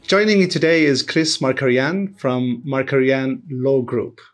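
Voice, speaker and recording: A man hosting a podcast, opening the show and welcoming his guest with clear, polite questions. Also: mid-range voice, steady tone, a little slow, soft background music. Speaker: podcast host. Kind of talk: interview introduction.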